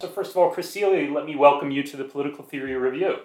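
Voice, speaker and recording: A man's voice: fairly high pitch, fast, a little mellow, reverberant, soft background music. A middle-aged man hosting an academic podcast, reading a set introduction and then asking questions with some hesitation. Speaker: podcast host, political science academic. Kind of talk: podcast interview.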